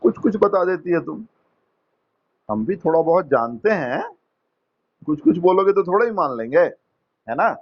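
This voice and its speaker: A man teaching an English lesson, quizzing students one by one in a patient, coaxing, gently teasing way. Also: high-pitched, very animated, measured pace, pauses often, highs cut off. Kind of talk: online class quizzing students.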